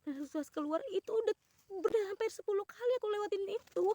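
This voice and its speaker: A high-pitched woman with a warm, mellow tone tells a personal story with deep feeling. She exclaims often and breaks off to restart her sentences. Her voice is recorded dry and close. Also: fast talker, no echo. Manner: earnest, emotional retelling with exclamations and trailing restarts. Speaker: vlogger.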